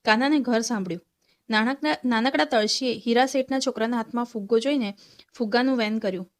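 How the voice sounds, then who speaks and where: A woman's voice: a little high, fast talker. A woman storyteller reading a short story aloud and voicing each character's lines.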